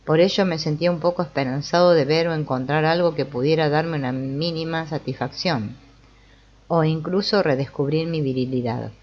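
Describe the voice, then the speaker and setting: A woman's voice: deep voice, normal speed, a little mellow, highs cut off, natural voice. A woman reading as an ashamed, troubled man.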